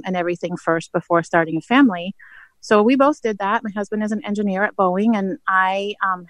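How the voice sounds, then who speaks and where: A woman in her forties, from England, with a croaky voice from allergies, telling her family story as a panel guest. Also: medium pitch, no echo.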